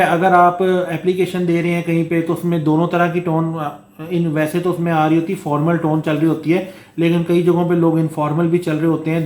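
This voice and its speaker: A man's voice: fairly high pitch, roomy sound. A man teaching a course, explaining in a conversational lecture with fillers and frequent check-ins, somewhat short of breath and coughing at times. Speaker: course instructor. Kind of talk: Hindustani lecture mixed with read-out English.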